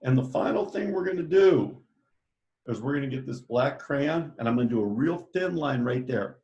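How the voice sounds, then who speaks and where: A male art teacher, chatty and enthusiastic, walks children through an art lesson one step at a time. He has a medium-pitched, expressive voice with a dark tone at normal speed, and the lo-fi recording was made in an echoey room.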